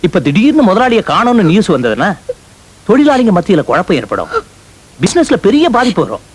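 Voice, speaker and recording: A scheming, fast-talking crooked manager. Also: male voice, sits high, wildly swooping pitch, husky, heavily acted. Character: scheming corrupt estate manager. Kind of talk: Tamil film acting.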